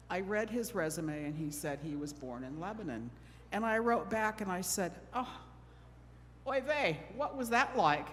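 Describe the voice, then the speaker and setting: Speaking slowly with frequent pauses, a middle-aged woman from Oregon moderates a church hall panel in a chatty, nervous way, joking at her own expense with laughs. Her medium-pitched voice has lively intonation, and the recording carries long reverb and faint noise.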